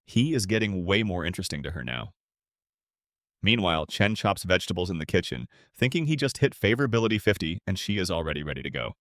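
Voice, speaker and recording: A man narrating a comic story recap in a brisk, dramatic way with sarcastic asides. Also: deep voice, very animated, a bit bright, dry recording, clean studio sound.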